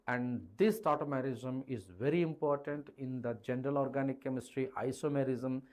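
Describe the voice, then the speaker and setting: A man's voice: mid-range voice, darkish tone. A middle-aged man with an Indian accent teaches an online lesson at a board, switching between languages and addressing his students directly. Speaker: chemistry teacher. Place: indoor teaching studio with a digital board. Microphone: clip-on lapel mic.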